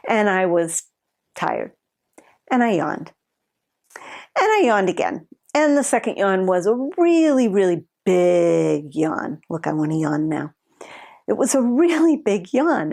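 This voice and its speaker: A middle-aged woman, a massage therapist, calmly teaching body awareness and telling a personal story in a slow, deliberate, gently demonstrative way. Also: mid-range voice, vocal fry. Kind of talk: calm instructional talk with personal story.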